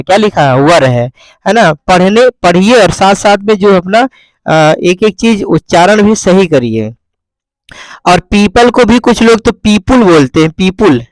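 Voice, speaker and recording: Male English tutor, high voice, dry close mic, reads each English line slowly and repeats everything. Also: dry recording, rough recording. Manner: repetitive, asks and answers his own questions. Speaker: English teacher. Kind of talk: newspaper-reading English lesson.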